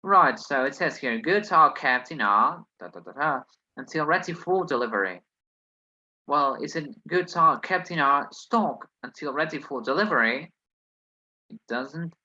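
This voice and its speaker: A man's voice: a little high, pushed and bright, lo-fi sound. A man who is not a native English speaker teaches an online lesson, reasoning hesitantly through exercises with many fillers. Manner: hesitant, thinks aloud, many "well"s.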